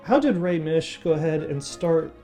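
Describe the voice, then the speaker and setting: Lively higher-voiced male interviewer. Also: normal speed, faint music behind. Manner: asks short questions, brief affirming interjections. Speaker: podcast host. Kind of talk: casual interview questions.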